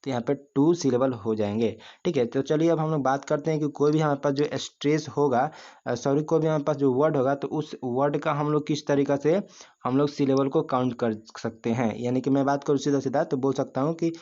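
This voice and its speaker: A man teaching English pronunciation in a classroom-style video lesson. He explains step by step, asks the class rhetorical questions, and slowly drags out single syllables for them to repeat. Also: mid-range voice, steady tone, dark tone. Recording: dull lo-fi recording.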